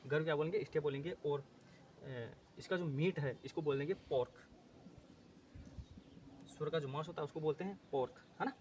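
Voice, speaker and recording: A man with a somewhat raised pitch teaches an exam-prep lesson. He drills each term by asking a question and answering it himself, stopping often to correct his slips. Faint background noise runs under his voice. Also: normal speed, pauses often, a little mellow, dull audio. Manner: repetitive, asks and answers own questions.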